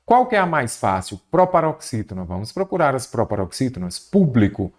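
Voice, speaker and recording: A man's voice: mid-range voice, sing-song, a little fast. A man teaching a Portuguese grammar exam-prep lesson, explaining step by step and often checking in with the viewer.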